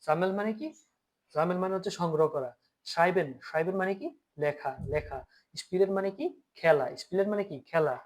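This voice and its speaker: A man's voice: high-pitched, normal speed. A man teaching German vocabulary in a Bengali lesson. He has a Bangladeshi accent, asks questions, answers them himself and often checks that students are following.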